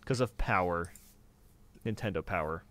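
A young man co-hosting a casual gaming podcast over a voice call, trading quick, excitable banter. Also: low voice. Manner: excitable, quick banter, prone to shouting gags. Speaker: podcast co-host.

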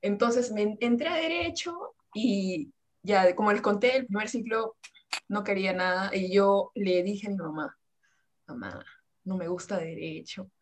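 A young woman telling a story in casual chat. She acts out quotes with big jumps in pitch. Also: normal speed. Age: young adult.

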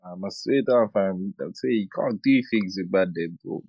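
A young man with a London roadman accent and a fairly low voice. He talks casually and with animation, full of street slang, like a podcast co-host trading stories. The sound is close and dry. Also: moderate pace, creaky, no room sound, dull audio. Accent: London, urban roadman slang. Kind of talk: casual banter and story reading.

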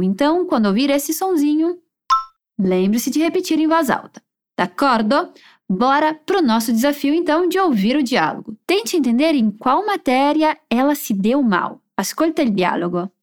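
A woman runs a language lesson. Her voice is high and swings widely in pitch. She slows down to model phrases clearly so learners can repeat after her. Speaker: language teacher.

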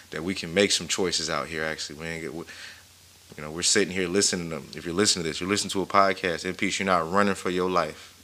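A man's voice: low voice, steady tone, quick pace, bright, forceful tone. A man co-hosting a podcast, backing up his partner and then speaking at length in an encouraging, preachy way. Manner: supportive, affirming, preachy at length. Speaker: podcast co-host. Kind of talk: casual chat.

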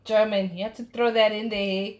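A woman's voice: mid-range voice, flat delivery, moderate pace, a little mellow. A young South African woman with a South African accent, teasing and arguing with friends on a casual podcast. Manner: teasing, argumentative, laughing. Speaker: podcast co-host. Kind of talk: casual chat among friends.

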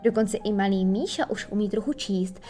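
A woman's voice: medium pitch, dark tone, soft background music, close to an everyday voice. A woman voicing a sensible, motherly young girl who talks in a prim, reasoning way. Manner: prim, reasoning, a bit fussy.

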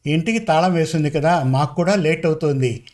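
A man's voice: on the high side, fairly quick, darkish tone, lightly acted. A man reading the lines of an impulsive young male college friend, blunt and brash in his talk. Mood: scheming.

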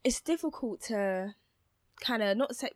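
A woman's voice: a little high, animated, unhurried, a little mellow, dry recording, clean studio sound. A woman, reflecting casually and a little hesitantly in a group discussion.

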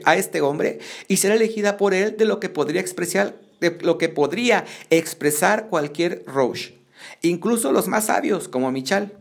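A man reads a novel aloud in a steady, storytelling voice that is gravelly with fry. His pitch sits a little high, and he restarts lines when he stumbles. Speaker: audiobook reader.

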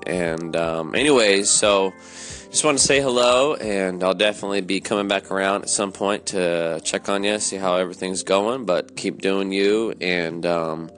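A man from Alaska leaving a casual, friendly voice message for a podcast host, halting with fillers. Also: sits low, fairly bright tone, soft background music.

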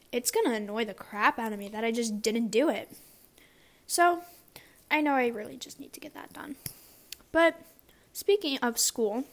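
A woman's voice: on the high side, a bit bright. A young woman student chatting casually to camera, rambling with lots of fillers and restarts. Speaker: student vlogger.

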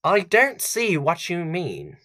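A man's voice: high voice, wildly swooping pitch, takes it slowly, pushed and bright, voice pushed up, exaggerated voice. A man voicing an earnest young tank gunner, deferential to his commander.

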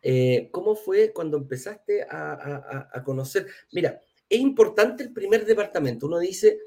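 A Chilean-accented man hosts a live real estate investment class and interview, chatting informally and using affectionate diminutives. His voice is high-pitched, expressive and dark in tone, at a moderate pace.

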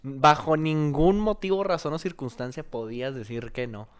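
A man's voice: on the high side, moderate pace, smooth. A young man with a Mexican accent in casual chat, blunt and full of crude slang. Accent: Mexican Spanish.

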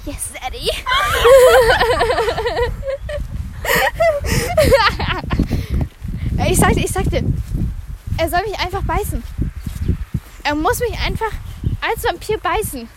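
A young woman co-hosting a casual chat podcast, teasing, giggly and loud. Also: very high-pitched, animated, moderate pace, long pauses, very noisy. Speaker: podcast co-host.

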